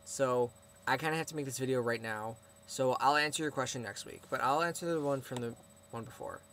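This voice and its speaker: A man's voice: mid-range voice, a little fast. Teenage male vlogger, casual and chatty, mid-range voice, faint background noise. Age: teens. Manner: chatty, rambling, answering viewer questions. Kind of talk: casual chat to camera.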